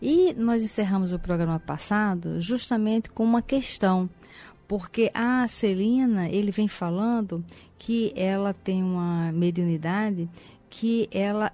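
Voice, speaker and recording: A woman's voice: mid-range voice, unhurried, warm tone, soft background music. A woman co-hosting a spiritual talk program who tells stories animatedly and acts out the dialogue. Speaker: co-host. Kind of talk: casual chat on a spiritist program.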